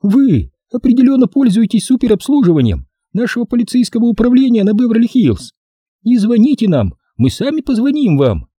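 A man voicing a sharp-tongued young woman who teases and mocks with sarcasm. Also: extremely high pitch, wildly swooping pitch, brisk, husky, no echo, clean studio sound, voice pushed up, full character voice. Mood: teasing. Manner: teasing, sarcastic.

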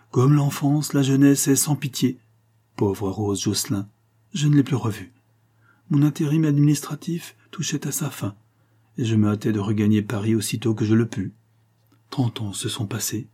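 A man reading a classic French short story aloud in a measured literary style, as an audiobook narrator. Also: lowish voice, dark tone, breathy edge. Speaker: audiobook reader. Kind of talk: scripted narration.

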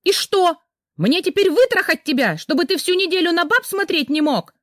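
A woman reads out a furious young wife, shrieking her accusations at a very high, piercing pitch. The voice leaps wildly up and down as she shouts, sharp and loud. It is recorded dry and close, as in an audiobook. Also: lively intonation, moderate pace, dry recording. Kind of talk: audiobook character voice.

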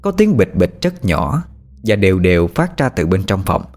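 A man's voice: low voice, sing-song, normal speed, a little mellow. A man narrating a ghost story with dramatic, suspenseful storytelling.

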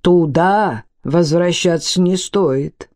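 A woman voicing a huge, gruff man who talks slowly with scorn and brooding menace. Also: lowish voice, a little mellow. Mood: scornful. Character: huge gruff mocking man, reckless and grim.

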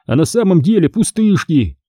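An anxious, urgent young boy pleads in a raised, lively voice, as a male audiobook reader puts him on. The tone is dark and husky, and the room is dry and close. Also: fairly high pitch, normal speed, no room sound, pitched above the performer's own voice. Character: anxious boy hero, about twelve. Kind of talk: audiobook character reading.

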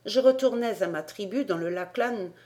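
A woman voicing a soft, devout young boy. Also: medium pitch, normal speed, lightly acted. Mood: gentle. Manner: soft, gentle.

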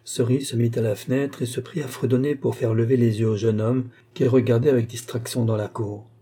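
Dark, husky male audiobook narrator. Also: medium pitch, brisk. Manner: steady storytelling. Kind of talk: scripted narration.

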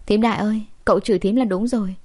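A woman's voice: mid-range voice, steady tone, rapid-fire, darkish tone, natural voice. A woman voicing a haughty young rich wife who complains sharply. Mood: irritated.

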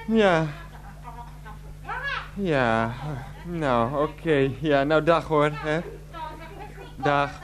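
In a radio play, an actor voices an exasperated grown son on the phone with his mother, pleading and placating with clear irritation; only his side is heard. His voice is a little high, and he speaks extremely slowly with frequent pauses, over music.

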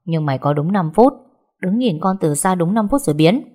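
A woman voicing a harsh, threatening young man who shouts at his ex-wife in a story. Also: lowish voice, expressive, a little fast. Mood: angry. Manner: harsh and bullying. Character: angry, threatening young ex-husband.

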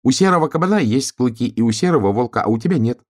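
A man voicing a spiteful, mocking female star in a children's storybook, with a high, sharp, teasing voice. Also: animated, fast, lightly acted.

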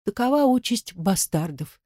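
A woman voicing a kind old nanny who talks in a soft, soothing, hushed way. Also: mid-range voice, animated, normal speed, dry recording, clean studio sound, voice pushed up, natural voice. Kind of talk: audiobook role reading.

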